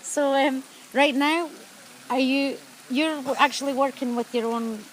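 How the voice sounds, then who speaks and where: A woman interviewer asking questions at a festival, soft-spoken and encouraging. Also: high-pitched, steady tone, unhurried, slight background noise, poor audio. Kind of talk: casual interview.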